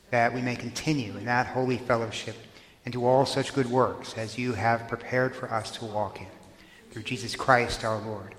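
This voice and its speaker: A man leading a service as a priest, reciting prayers and a blessing in a measured, solemn way, his voice ringing with a cathedral echo. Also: mid-range voice, fairly bright tone. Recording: long echo of a large church.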